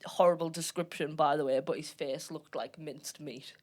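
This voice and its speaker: A woman's voice: low-pitched, fairly even intonation, normal speed, a little mellow. A woman co-hosting a podcast, talking in a rambling casual way with lots of fillers and some swearing. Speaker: podcast co-host. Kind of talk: casual chat.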